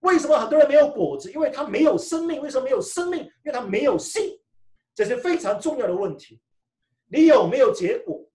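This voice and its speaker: A man preaching a sermon and telling his own testimony with animated storytelling, often restarting his phrases. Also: very high voice, brisk. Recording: echoey room, mic far off.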